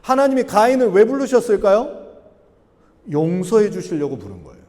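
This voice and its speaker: A man's voice: high voice, very animated, moderate pace, warm tone. A male pastor giving a sermon, often putting questions to the congregation and acting out Bible voices. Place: church sanctuary. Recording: long hall reverb.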